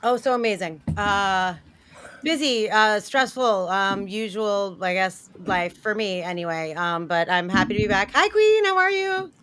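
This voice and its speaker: A woman's voice: medium pitch, expressive, measured pace, a bit bright, a little hiss or hum. A woman speaking as a returning panelist over a group video call, casual and hesitant, with many ums and uhs. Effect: voice heard over a group video call. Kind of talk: casual chat. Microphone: computer mic on a video call.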